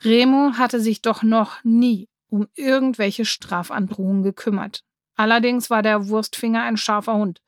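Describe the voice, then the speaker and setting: A woman narrating a children's story in a calm, even storytelling manner. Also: a little high, normal speed, dry recording, clean studio sound. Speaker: story reader.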